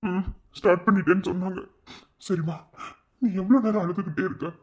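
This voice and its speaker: A performer voicing a worried young husband in a cartoon, soft and comforting, with a Madurai Tamil accent. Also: mid-range voice, fairly even intonation, a little fast, slightly rough, close to an everyday voice. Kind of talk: cartoon voice acting.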